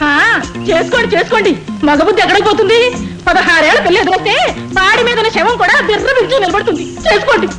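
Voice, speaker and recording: A woman plays an aggrieved old wife who answers every jab with a sharp complaint. Her voice is high and she talks quickly. Tart, bickering film comedy. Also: music in the background, natural voice. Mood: complaining.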